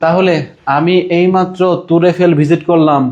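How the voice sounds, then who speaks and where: Man teaching French, fairly high voice. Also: little pitch movement, darkish tone, dull audio. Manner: explains in Bengali, slows down to say French phrases. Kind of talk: live online language class.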